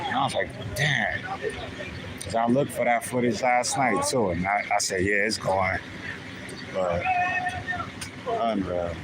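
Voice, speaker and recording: A man's voice: fairly low pitch, slow, long pauses, noisy background. A middle-aged man with a New York accent, chatting loosely in a live street vlog on his phone. He is outdoors on a hot city street and reads viewer comments aloud. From the Bronx, New York. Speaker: livestreamer. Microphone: phone camera.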